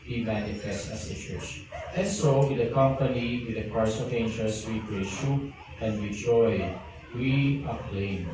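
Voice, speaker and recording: A man, a priest leading prayers at Mass in a slow, measured, solemn way, his voice carrying a cathedral echo. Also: on the low side, very noisy. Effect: cathedral echo, long reverberating church sound. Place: large church. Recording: echoey church from a distant mic, organ music.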